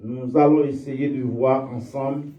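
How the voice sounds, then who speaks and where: A man preaching a sermon in church, calling out to his congregation for responses and reading scripture slowly and emphatically. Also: mid-range voice, steady tone. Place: church sanctuary. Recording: echoey hall, distant dull mic.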